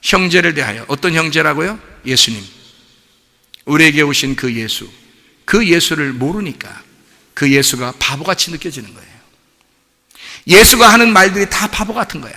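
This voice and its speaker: A man preaching a sermon as pastor, animated, asking the congregation rhetorical questions. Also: on the high side, moderate pace, pauses often. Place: church sanctuary. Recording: long church reverb.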